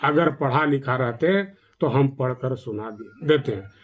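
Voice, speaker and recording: A man voicing a young man who is ashamed he cannot read, speaking quietly and regretfully. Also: mid-range voice, measured pace, pitched below the performer's own voice, lightly acted.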